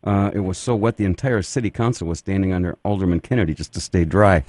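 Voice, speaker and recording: A man's voice: sits low, fast, a little mellow. A man hosting a radio show, wisecracking through a string of one-liners and laughing at his own jokes. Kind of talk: joking radio banter.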